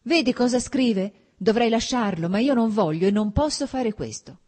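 A proud, distraught noblewoman on the verge of tears, read by a woman, her voice trembling and climbing higher as she pleads. The tone underneath stays mellow and soft-edged. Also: expressive, moderate pace, breathy edge. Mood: anguished.

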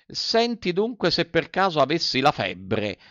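A man voicing a frightened wooden puppet boy in a storybook reading, shrill, pleading and sobbing. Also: huge pitch swings, a little slow, fairly bright tone, dry recording, heavily acted. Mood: panicked. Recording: dull, dry recording.

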